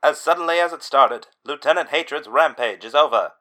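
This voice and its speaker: A man giving mock-dramatic scripted narration in a deadpan, dramatic manner. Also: a little high, brisk, low-quality recording.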